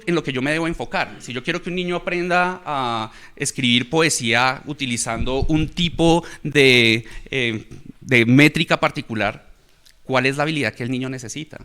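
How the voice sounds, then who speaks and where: A man talking through ideas on learning and games in a relaxed conversational way, often checking in with his listeners. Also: medium pitch, smooth. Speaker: guest speaker on education. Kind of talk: conversational talk.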